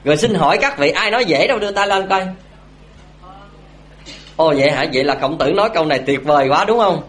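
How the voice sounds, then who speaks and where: A man's voice: a little high, lively intonation, fast talker, a bit bright. A man giving a Buddhist dharma talk, telling a story and asking his audience questions. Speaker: Buddhist speaker.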